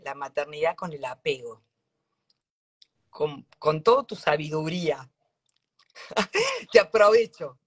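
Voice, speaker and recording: Woman, host, casual chat, heartfelt storytelling, very low voice. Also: breathy edge.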